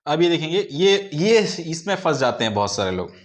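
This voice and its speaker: A man's voice: fairly high pitch, very animated, fairly quick. A male teacher giving a pronunciation lesson, patiently repeating each letter sound many times and stretching them out. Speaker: Quran recitation teacher. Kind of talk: slow pronunciation lesson with drawn-out repetitions.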